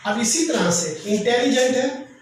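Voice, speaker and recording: A man teaching a grammar lesson, explaining slowly and repeating each example. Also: extremely high pitch, animated. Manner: slow, repetitive explaining. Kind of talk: classroom lecture. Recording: very echoey room, faint noise.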